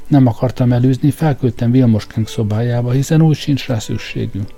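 A man's voice: medium pitch, dark tone, lightly acted. A man reading as an anxious old farm mother.

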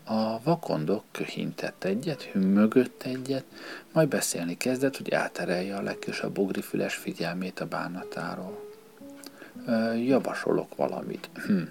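A man reading a children's animal story aloud in a slow, gentle storytelling manner. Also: fairly low pitch, animated, creaky. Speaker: narrator. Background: guitar music.

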